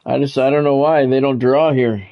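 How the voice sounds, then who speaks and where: On lo-fi sound, a man with a mid-range voice speaks at normal speed in a steady tone. Formerly a radio sports play-by-play announcer, this American gaming streamer calls the football action of his own game alongside casual chat.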